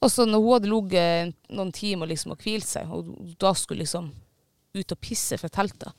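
A man telling a story in casual chat, animated, swearing now and then and pausing often on fillers. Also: high-pitched, vocal fry, no echo.

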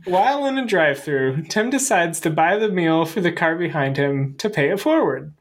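A man's voice: on the high side, expressive, normal speed. Giggling man reading a podcast summary. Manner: keeps breaking into wheezing laughter. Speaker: podcast co-host.

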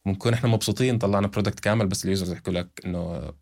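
A man's voice: low voice, rapid-fire, creaky, a little mellow. A man hosting a casual podcast chat, switching between Arabic and English mid-sentence. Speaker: podcast host.

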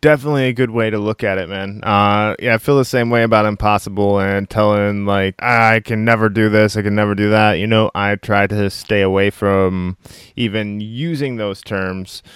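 A man's voice: lowish voice, fairly even intonation, moderate pace, fairly bright tone, clean tone, dry recording, studio quality. A man hosting a casual interview, easygoing and agreeable as he chats with his guest. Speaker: interview host.

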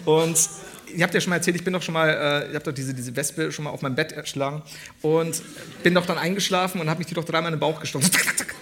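A man co-hosting a comedy podcast live on stage, telling an animated anecdote with laughter and acted-out voices. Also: on the high side, fast, noisy background. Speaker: podcast co-host. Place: on stage before a live audience in a large hall.

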